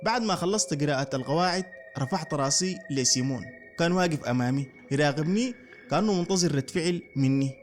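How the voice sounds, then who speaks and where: Brief: male narrator, higher voice, rapid dramatic horror storytelling, faint music under him. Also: expressive. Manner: dramatic first-person storytelling.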